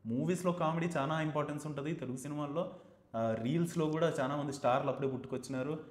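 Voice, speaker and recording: A man's voice: a little high, fast. A man from Anantapur with a Rayalaseema Telugu accent, a stand-up comedian hosting a podcast and telling stories bluntly with jokes and English words mixed in. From Anantapur village, Andhra Pradesh. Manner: blunt, joking storyteller mixing English words. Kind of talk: casual podcast chat. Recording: echoey room.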